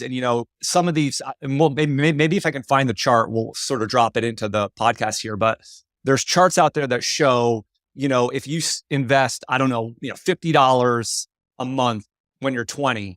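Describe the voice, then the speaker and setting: A man hosting a podcast conversation in a thoughtful, measured way. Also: mid-range voice, a bit bright, dry recording, clean studio sound.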